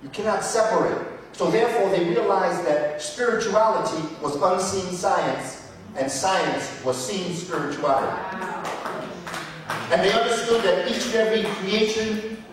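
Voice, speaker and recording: Speaking at a measured pace in a high voice, a man delivers a fiery, preacherly lecture on history, repeating words emphatically. It's captured from a distance in a large hall full of echo, with slight background noise.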